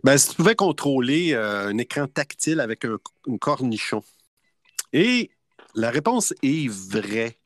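A man's voice: mid-range voice, sing-song, measured pace. A man with a Québécois French accent hosting a casual online quiz show, playful and chatty. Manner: playful, chatty, laughs often. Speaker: quiz host.

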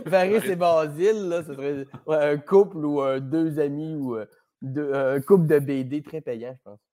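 Man, Québécois accent, podcast guest, rambling casual chat, swears a lot, slightly higher voice. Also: moderate pace, mellow. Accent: Québécois French. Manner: rambling, playful, swears freely. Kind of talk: casual conversation.

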